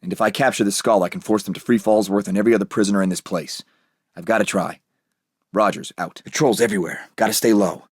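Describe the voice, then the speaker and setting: An actor playing Captain America, a heroic and determined American soldier, delivering terse, earnest video game lines. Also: male voice, lowish voice, fairly even intonation, quick pace, a little mellow, husky, no room sound, studio quality. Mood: focused, determined.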